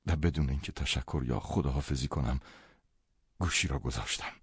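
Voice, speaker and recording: A man reading a novel aloud as an audiobook narrator, in measured first-person storytelling. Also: extremely low pitch, breathy edge, no room sound.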